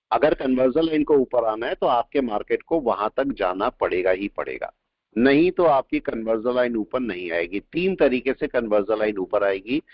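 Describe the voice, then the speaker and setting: A man teaching a live trading class, explaining points and quizzing his students with quick questions. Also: mid-range voice, no room sound. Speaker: trading instructor. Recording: dull lo-fi audio, dry.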